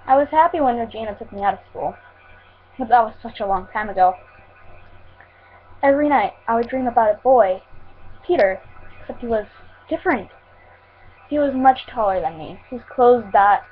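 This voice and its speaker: A woman reading fan fiction aloud in a plain, steady way, with small slips now and then. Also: on the high side. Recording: tinny phone-like sound.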